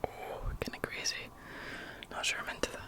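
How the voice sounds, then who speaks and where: A young woman whispering a rambling, chatty ASMR video as its host. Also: normal speed. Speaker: ASMR creator.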